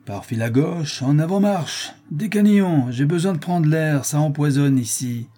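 A man's voice: fairly high pitch, moderate pace, mellow, pitched above the performer's own voice, close to an everyday voice. A man voicing a coarse, impatient bailiff's officer who barks slangy orders. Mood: brusque. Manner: gruff slangy barking.

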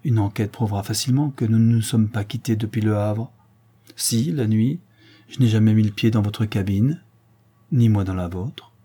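Male reader doing an earnest young woman in love, soft and grave, husky low voice, mellow tone. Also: moderate pace. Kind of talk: audiobook reading.

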